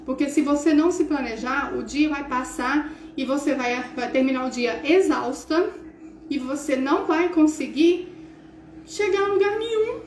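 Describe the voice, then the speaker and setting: Woman, Brazilian Portuguese accent, middle-aged, high voice, chatty and animated, roomy echo. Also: normal speed. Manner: animated, chatty, acts out scenes. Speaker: English teacher and host. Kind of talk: casual motivational talk. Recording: roomy echo, faint hiss.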